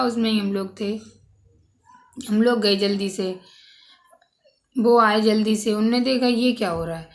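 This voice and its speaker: A young woman vlogger earnestly recounting a personal family story, close to tears at times. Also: medium pitch.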